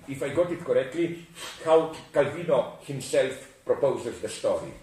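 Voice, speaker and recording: A man's voice: medium pitch, darkish tone. Digressive lecturing man, heard from afar. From Slovenia. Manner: digressive, self-interrupting, with frequent asides. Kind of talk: philosophical lecture. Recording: echoey room from far off.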